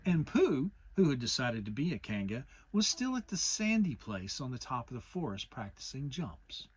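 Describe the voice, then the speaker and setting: A man giving a dramatic reading of a children's storybook, expressive, with big jumps into character voices. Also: medium pitch, normal speed, slightly rough. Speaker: audiobook narrator.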